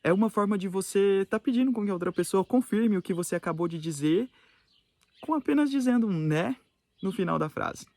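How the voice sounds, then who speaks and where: A man's voice: high voice, lively intonation, brisk, a little mellow, no echo. A young Brazilian man with a Brazilian Portuguese accent, casually explaining word differences in a vlog, mixing in English examples. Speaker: YouTuber.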